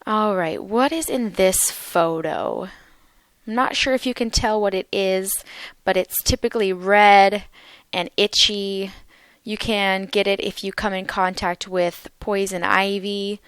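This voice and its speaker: A woman teaching English vocabulary, speaking slowly and carefully and repeating words for learners. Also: mid-range voice, fairly even intonation, fairly bright tone, clean tone, no echo. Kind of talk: slow, clear vocabulary lesson.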